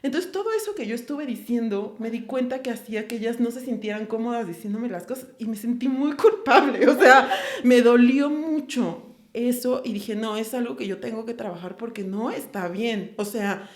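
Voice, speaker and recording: A woman's voice: fairly high pitch, a little fast, few pauses, darkish tone. A young woman with a Mexican Spanish accent, talking candidly and personally as a podcast host, quoting her own thoughts with many fillers. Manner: candid, confessional, lots of fillers and quoted inner speech. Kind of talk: casual conversation. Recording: echoey room.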